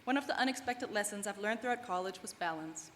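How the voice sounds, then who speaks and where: A young German woman, a second-language English speaker, gives an earnest, heartfelt prepared commencement speech. Her medium-pitched voice is expressive and fast. Long reverb rings through the large hall, with faint background noise underneath.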